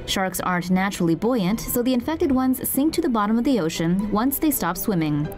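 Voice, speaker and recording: A woman narrating scripted news stories in a steady, earnest way. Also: mid-range voice, brisk, faint music behind.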